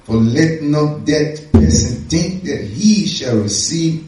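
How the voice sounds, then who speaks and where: Preacher in an echoey hall. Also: male voice, fairly high pitch, lively intonation, a little mellow. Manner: emphatic, slow scripture reading. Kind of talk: sermon with live interpreter. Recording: echoey hall, distant mic.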